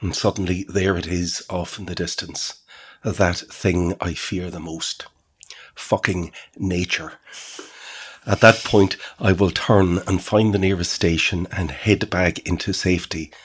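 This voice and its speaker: Deep husky guy reading a sarcastic monologue, dry wit, swears a lot. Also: fairly even intonation, a little slow. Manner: wry, sardonic, swears casually. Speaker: writing group member. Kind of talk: dramatic reading of his own monologue.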